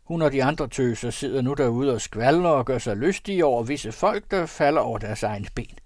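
Read by a man, a blustering storybook huntsman booms out his words in a gruff shout. The sound is dry and close, with no room around it. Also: expressive, dry recording. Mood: mocking.

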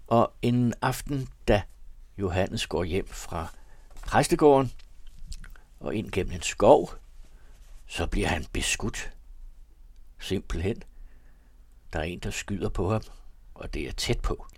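A man with a fairly low voice reads a serialized novel aloud for radio. He recaps the story in a relaxed, conversational way with the odd filler. The sound is dry and close, from a studio mic. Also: long pauses, no echo. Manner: conversational summarizing, with occasional fillers.

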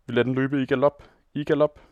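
A man voicing a drunken, brutal young peasant who bellows loudly at his companions. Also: medium pitch, flat delivery, clean tone, dry recording, lo-fi sound, lightly acted. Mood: bellowing, brutal. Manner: loud shouting bluster.

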